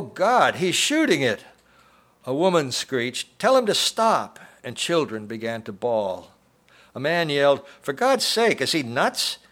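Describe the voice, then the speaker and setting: Low-voiced man giving a literary reading. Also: a bit bright. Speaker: author reading his own short story. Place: college humanities center event.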